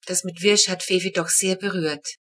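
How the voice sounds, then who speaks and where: A woman voicing a calm, caring mother in a storybook reading, speaking evenly and matter-of-factly. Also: lowish voice, normal speed, breathy edge.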